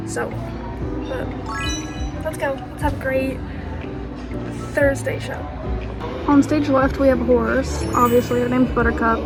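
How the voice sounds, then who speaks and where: High-voiced woman vlogging backstage. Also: rough recording. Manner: chatty, informal. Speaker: theatre dresser vlogging backstage. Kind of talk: casual backstage vlog. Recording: music behind the voice. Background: music.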